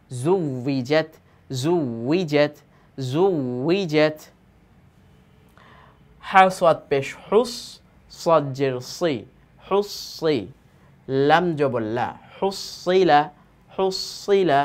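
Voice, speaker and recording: A teacher with a Bangladeshi Bengali accent, patiently spelling out Arabic syllables in a Quran reading lesson. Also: mid-range voice. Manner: patient, slow, syllable-by-syllable drilling.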